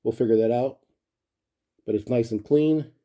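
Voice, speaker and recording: Speaking at a moderate pace in a warm, medium-pitched voice, a man who collects gadgets gives a hands-on look at one. He keeps it conversational and unscripted, musing aloud as he goes.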